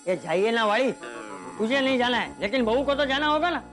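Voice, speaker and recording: A bossy old father in a TV sitcom, scolding with a voice that swings up and down. He calls out loudly and talks fast, with soft music behind. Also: very high voice, lively intonation. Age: older. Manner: scolding, rapid, loud calls. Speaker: actor. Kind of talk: sitcom acting.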